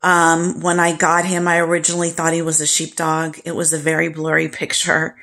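A woman vlogger telling a personal story to camera in a slow, halting, grief-stricken way. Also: low-pitched, completely flat delivery, pushed and bright.

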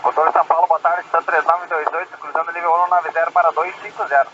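A man's voice: fairly high pitch, little pitch movement, fast talker. A man speaking as an airline pilot over an aviation radio, giving clipped, formulaic readbacks. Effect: aviation radio transmission. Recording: muffled radio with static.

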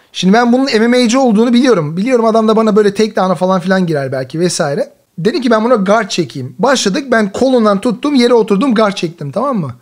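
A man in his thirties, a jiu-jitsu athlete hosting his own channel, reacting casually and telling a story, animated, laughing often and using slangy exclamations. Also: sits high.

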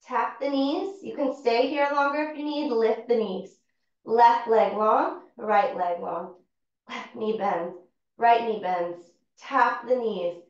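A woman with a fairly high voice leads a yoga flow, giving calm, unhurried cues. She sounds set back from the microphone in a very echoey room, and the sound is a little dull. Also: recorded from a distance. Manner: calm, unhurried cueing of movements. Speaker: yoga teacher. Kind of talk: guided yoga class instruction.

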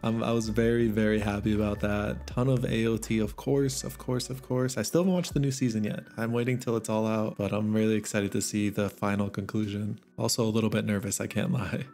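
A man with a fairly low, somewhat worn voice runs through his recent book haul for his manga vlog, speaking briskly with few pauses and fairly even intonation. He's chatty and eager, laughing softly now and then.

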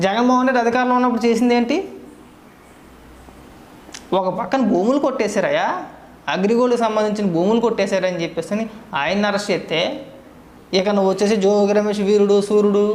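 A man giving heated political commentary, scolding his target with rapid rhetorical questions. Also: sits high, echoey room.

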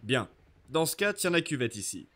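A stern, no-nonsense country doctor, read by a man, snaps out orders in a curt, commanding way. His pitch moves lively up and down. He belongs to a storybook adventure read aloud. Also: normal speed. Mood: brisk. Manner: curt and authoritative. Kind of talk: audiobook reading.

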